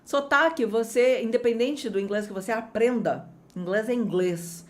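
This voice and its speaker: A woman from Brazil gives an online English lesson in a fairly high voice. She is energetic and chatty, speaks directly to her students, and her pitch swings widely from phrase to phrase. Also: normal speed. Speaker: English teacher.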